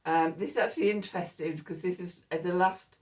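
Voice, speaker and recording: A woman's voice: on the low side, fairly even intonation, fast, a little mellow. A woman giving a casual, chatty tarot reading, full of ums, with a voice a little distant from the mic. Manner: chatty and laughing often, with many ums. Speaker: tarot reader.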